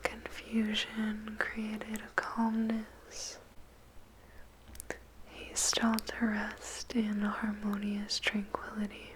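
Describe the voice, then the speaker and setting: Woman, whispered ASMR poem recitation, extremely slow, flat unvarying pitch, deliberate phrasing, dramatic pauses. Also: background noise.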